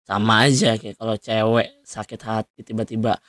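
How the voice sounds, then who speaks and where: A man's voice: fairly low pitch, little pitch movement, normal speed, a bit bright, dry recording, clean studio sound. A young man hosting a solo podcast, talking loosely and rambling with frequent fillers and laughs. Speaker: podcast host. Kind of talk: solo casual podcast monologue.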